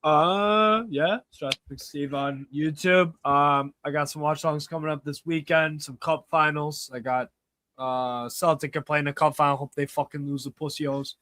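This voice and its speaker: A man's voice: fairly high pitch, steady tone, unhurried, bright, forceful tone. A man chatting casually as a guest streamer, loose and sweary in his phrasing. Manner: sweary, laid-back phrasing. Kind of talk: casual chat.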